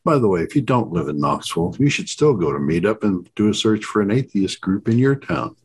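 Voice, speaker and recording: A male podcast co-host with a deep, low voice and a husky edge. He reads group announcements in a plain, easygoing way. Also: lively intonation, brisk, darkish tone. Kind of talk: casual podcast chat.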